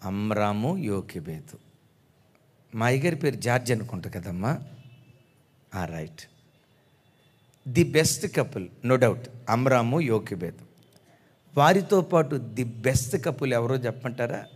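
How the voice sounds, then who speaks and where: A man's voice: medium pitch, sing-song, a little slow, pauses often, breathy edge, big-room sound. A man preaching a sermon as pastor, calling on the congregation to respond.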